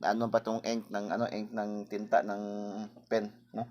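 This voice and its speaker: A hoarse man chatting casually with his viewers as a lottery tip vlogger, rambling and tagging his sentences with a questioning "no?". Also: lowish voice, level tone, moderate pace, a little mellow, a little hiss or hum. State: hoarse, clearing his throat.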